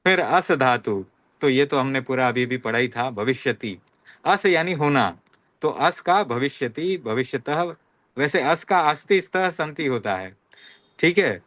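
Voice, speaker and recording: A man teaching a Sanskrit class, reciting verb forms one by one in slow, repeated drills and often checking that students follow. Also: medium pitch, animated, a bit bright, no room sound. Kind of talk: online class lesson.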